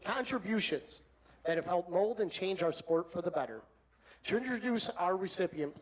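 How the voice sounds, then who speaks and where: A man's voice: high-pitched, poor audio. A man serving as emcee, reading a formal scripted introduction at an awards ceremony. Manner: measured and formal.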